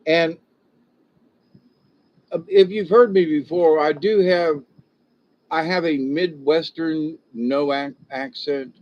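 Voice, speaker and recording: An older man who was born in Ohio and grew up in Florida and South Georgia hosts a rambling, folksy livestream, talking back to viewers and chuckling at his own jokes. His fairly high voice has a slight Southern drawl and a steady tone, and he takes it slowly with frequent pauses. The audio is dull and lo-fi.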